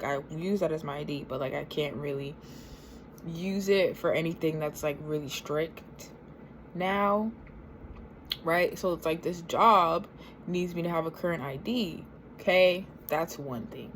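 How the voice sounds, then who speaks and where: Low-pitched American woman talking with mouth full. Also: a little hiss or hum. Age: 20s. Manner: talking with mouth full while eating a sandwich; rambling, sweary, complaining. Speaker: vlogger. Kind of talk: casual storytelling while eating.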